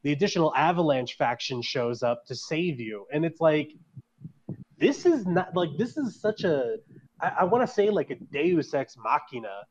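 A man's voice: fairly high pitch, big pitch swings, moderate pace. A man talking as a guest on a casual podcast, rambling with many fillers and restarts. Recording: dull lo-fi sound.

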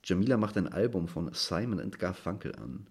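A man reading his own literary short story aloud in a dry, measured way. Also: deep voice, big pitch swings, darkish tone, husky. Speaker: author reading at a literary stage.

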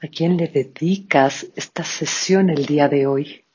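A yoga instructor leading a guided breathing meditation, giving calm, soft-spoken instructions and counting out breaths. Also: mid-range voice, a little slow, breathy edge. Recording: dull lo-fi recording.

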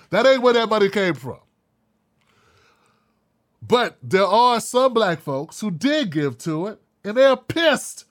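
A man hosting his own commentary show, ranting bluntly and heatedly in casual, profane talk, with quick mocking impressions. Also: high-pitched. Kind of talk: casual opinion monologue.

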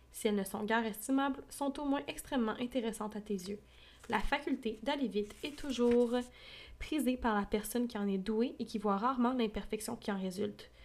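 A woman reading a cold, stiff young gentleman. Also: fairly high pitch, natural voice.

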